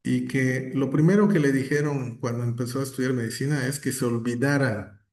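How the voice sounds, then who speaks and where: A man's voice: mid-range voice, steady tone, brisk, a little mellow. A man speaking as an academic guest in a conversational talk, reflective, often tagging his points with questions. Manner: reflective, gives examples, frequent tag questions.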